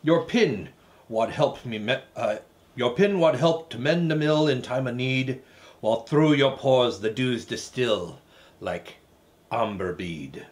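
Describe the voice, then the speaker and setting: A man voicing a theatrical poem reciter in a put-on Scottish accent, declaiming loudly with rolling emphasis. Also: mid-range voice, animated, slow pace.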